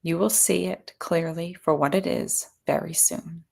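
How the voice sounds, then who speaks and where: Creaky, solemn seance medium woman channeling spirits. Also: lowish voice, fairly even intonation, a little mellow. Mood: solemn, foretelling. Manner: seance medium in trance, measured solemn pronouncements. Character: channeled spirit collective, solemn, serene seance guide speaking as "we". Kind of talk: trance channeling message.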